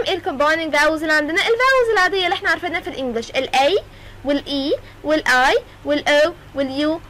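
A woman's voice: sits high, a bit bright, slight background noise. A young woman with an Egyptian Arabic accent giving a medical terminology lecture, mixing in English terms and often checking that students follow. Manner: keeps checking understanding with a quick "تمام؟".

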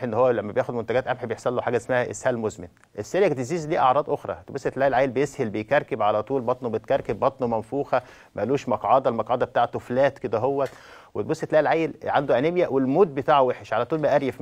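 A man's voice: mid-range voice, darkish tone. A man in his forties with an Egyptian Arabic accent, a pediatrician hosting a TV call-in show and explaining at length, often restarting words, recorded on a lapel mic in a studio. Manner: explanatory, gestures a lot, frequent restarts. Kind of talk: TV medical advice talk.

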